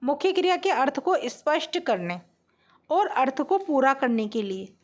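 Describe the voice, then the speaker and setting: A woman's voice: sits high, sing-song, measured pace, a little mellow. A woman teaching a Hindi grammar lesson, explaining each point step by step, repeating her examples and checking in with her students.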